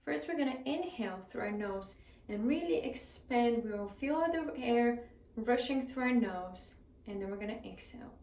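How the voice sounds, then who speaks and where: Higher-voiced woman teaching singing, roomy sound. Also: animated, normal speed, darkish tone, distant mic, slight background noise. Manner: friendly instructive, guides exercises step by step. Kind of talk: vocal lesson.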